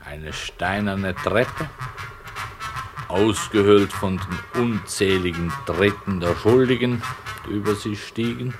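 Over music, a deep-voiced man narrates a 1960s German radio play, slowly and deliberately building his story's scenery in halting, wry descriptive phrases. He comes across as an ironic, detached writer in a musing mood. The old radio recording is noisy, with a low rumble underneath.

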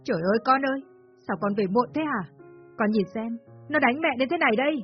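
A woman voicing a shrill, scolding old mother-in-law who shouts accusations. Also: fast, close to an everyday voice. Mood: wailing, furious. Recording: slightly dull lo-fi with faint music.

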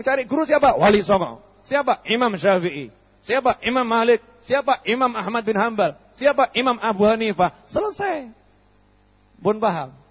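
A man gives an animated sermon, quizzing his listeners and answering himself. His voice sits high and sounds husky. The recording is dull and lo-fi, with long reverb from a hall. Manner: animated, asks and answers his own questions. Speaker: preacher. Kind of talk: lively sermon with acted dialogues.

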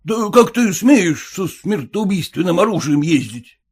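Dude doing a jumpy stuck-up rich passenger, bossy and huffy. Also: male voice, high voice, sing-song, unhurried, husky, pitched above the performer's own voice, full character voice. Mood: suspicious, indignant. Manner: indignant, demanding. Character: nervous, haughty gentleman passenger in a fur coat.

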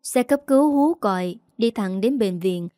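Audiobook narrator: woman, mid pitch, warm and steady, dry close sound. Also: normal speed, no room sound.

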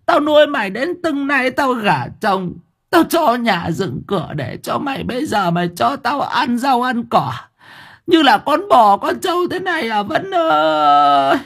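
A man voicing a crazed, ravenous old grandmother who screeches curses in a raspy, cracking voice. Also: extremely high pitch, very animated, fairly bright tone, voice pushed up, heavily acted. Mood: screaming rage. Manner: screeching curses, drawn-out wails.

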